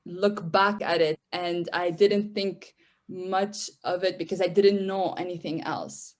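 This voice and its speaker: As a guest on a podcast, a young Syrian woman whose native tongue is Arabic speaks hesitantly and slowly, often repeating words. Her voice is on the low side.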